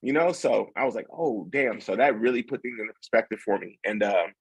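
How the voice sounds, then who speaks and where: Gravelly low-voiced young man telling a story. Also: brisk, rough recording. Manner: relaxed, rambling with many fillers and restarts. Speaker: podcast guest. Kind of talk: casual storytelling.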